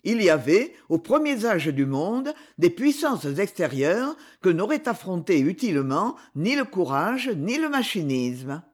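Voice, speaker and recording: Brief: male audiobook narrator, high voice, husky, dramatic. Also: sing-song, measured pace, few pauses. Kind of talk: scripted narration of an adventure novel.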